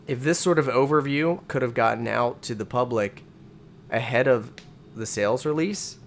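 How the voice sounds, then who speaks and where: A man co-hosting a flight simulator review in casual chat, talking quickly and often trailing off mid-sentence. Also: medium pitch, slight background noise. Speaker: flight sim video co-host.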